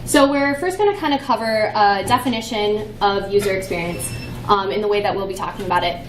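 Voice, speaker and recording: A young woman gives a playful, chatty conference talk full of fillers, speaking fairly quickly in a mid-range voice. The recording comes from far off in an echoey conference room, with slight background noise.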